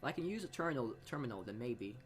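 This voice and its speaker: Racing along in a very animated, medium-pitched voice, a man reads a visual novel for his gaming video. He throws in offhand remarks and keeps tripping over or repeating words as game music plays.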